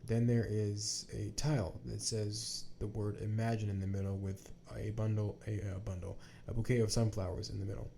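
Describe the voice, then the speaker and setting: Man, podcast co-host, sleepy, rambling, mellow voice, faint hiss. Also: lowish voice, level tone, moderate pace, gravelly, few pauses. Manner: laid-back, rambling, trails off. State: sleepy, yawning. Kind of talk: casual chat.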